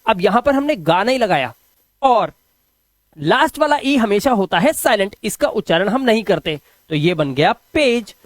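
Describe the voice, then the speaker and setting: A man's voice: high-pitched, sing-song, normal speed, no room sound. A man teaching English pronunciation rules in Hindi, patiently spelling out words letter by letter.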